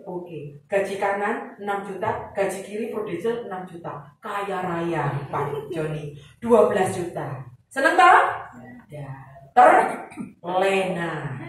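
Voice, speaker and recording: A woman with a Javanese-tinged Indonesian accent giving an animated motivational testimony at a sales event, acting out dialogue and mixing in English phrases. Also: on the low side, takes it slowly, a little hiss or hum. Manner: animated storyteller who acts out quoted dialogue and mixes in English phrases. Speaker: speaker sharing her testimony at a sales event. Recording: echoey hall, mic far off.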